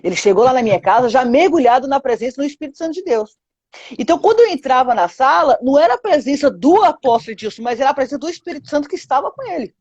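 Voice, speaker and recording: A woman's voice: high-pitched, animated, very fast, a little mellow, slightly rough, dry recording, muffled recording. A woman with a Brazilian Portuguese accent telling her testimony to a pastor in an interview, acting out quoted dialogue with lots of 'sabe?'. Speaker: guest giving a testimony.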